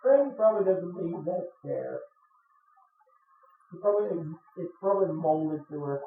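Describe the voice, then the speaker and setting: A man's voice: high-pitched, lively intonation, normal speed, creaky. A man making dry, sarcastic remarks while commenting on a video game. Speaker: let's play co-host. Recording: tinny, echoey audio with music.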